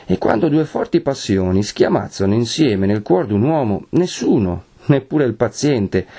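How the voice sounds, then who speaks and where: Expressive male audiobook narrator. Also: fairly low pitch. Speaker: audiobook reader. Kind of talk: scripted narration of a classic novel.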